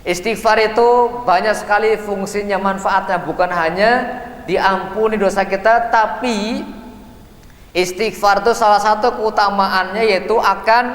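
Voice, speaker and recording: A middle-aged man preaches a sermon, telling stories and acting out the dialogue in a fairly high voice. He was recorded in an echoing hall with a long reverb tail. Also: fairly even intonation, measured pace, a bit bright.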